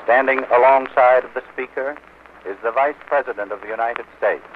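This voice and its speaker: A man's voice: mid-range voice, moderate pace. Man reporting live on an old newsreel-style broadcast. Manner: polite formal on-the-spot reporting. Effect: old newsreel-style radio broadcast. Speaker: radio reporter. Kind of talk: 1940s live radio news coverage. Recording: tinny 1940s radio broadcast with hiss.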